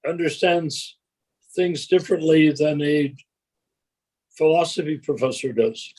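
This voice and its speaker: A man with a fairly high, slightly mellow voice talks slowly and pauses often, in a low-quality recording. He is a co-host in a casual video-call discussion, wry and argumentative, pressing his point with sarcastic jokes.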